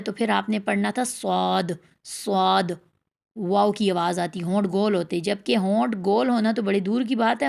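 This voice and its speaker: Gravelly woman teaching tajweed. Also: mid-range voice, darkish tone. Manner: repeats letter sounds slowly and drawn out. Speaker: Quran recitation teacher. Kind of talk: tajweed pronunciation lesson.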